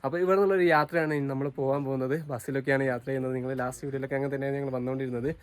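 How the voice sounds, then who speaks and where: This chatty vlogger from Kerala talks to his audience informally through a handheld phone while on the move outside and in buses, his Malayalam accent clear. He races along in a steady, mid-range voice that is clear and resonant, over loud traffic and engine sounds.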